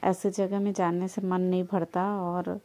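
Slow, mellow woman narrating a vlog. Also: fairly low pitch, little pitch movement. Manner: slow, descriptive, praising the scenery. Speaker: vlogger.

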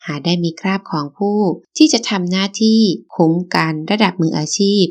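A woman reads a novel aloud as an audiobook narrator. Her voice sits a little low and stays calm and even. She reads steadily through the scene. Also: moderate pace.

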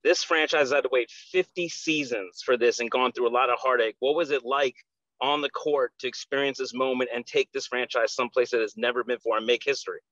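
A man's voice: medium pitch, fairly even intonation, brisk, fairly bright tone, no echo. Male reporter on a dull, dry line. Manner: long, winding questions. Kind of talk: press conference question.

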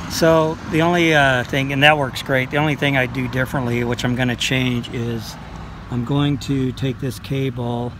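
Here a middle-aged man's mid-range voice stays evenly monotone while he casually demonstrates installing something in a car for his vlog. He goes step by step, plainly and without hurry, dropping fillers along the way. Recorded on a phone camera held close, the clip has a noisy outdoor background from the tree-lined lot where his small car sits.

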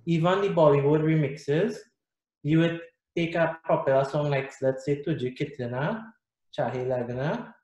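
A middle-aged guest musician from Trinidad and Tobago talks unhurriedly in a voice on the high side, with a Trinidadian accent. The casual, animated interview happens over a video call, his hands moving as he explains, and the webcam picks up echo from his small indoor room.

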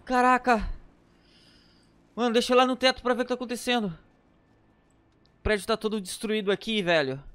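A man's voice: very high-pitched, brisk, long pauses, fairly bright tone, clear, resonant tone, no echo. A man giving panicky, exclamatory gameplay commentary, often repeating words. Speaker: gameplay streamer.

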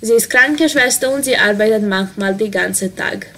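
A woman teaching vocabulary, saying each word and example slowly, then translating it quickly. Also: medium pitch, fairly bright tone. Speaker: language teacher. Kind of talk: vocabulary lesson.

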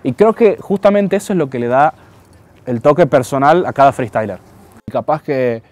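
A man's voice: medium pitch, animated, moderate pace, a little mellow. A man in his twenties from Tucumán with an Argentine accent, talking casually and hesitantly in an interview, often repeating words. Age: 20s. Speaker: freestyle rapper interviewed.

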